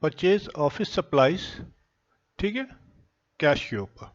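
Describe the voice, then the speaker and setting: A man, teaching accounting in a slow lecture while writing, his throat and chest sore and coughing now and then. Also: on the high side, lively intonation, dull audio. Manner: speaks deliberately slowly, dictating as he writes.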